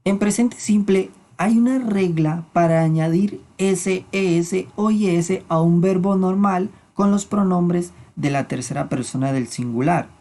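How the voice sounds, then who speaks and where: An English teacher explaining grammar in a lesson, repeating words slowly to model pronunciation and alternating explanations with spoken examples. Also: mid-range voice, mellow.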